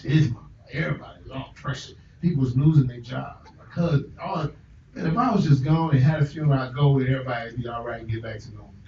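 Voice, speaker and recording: A man, an author and minister, telling his story in a candid interview with an earnest, reflective manner that often drops to a quiet tone. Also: mid-range voice. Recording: roomy, distant, dull lo-fi with faint noise.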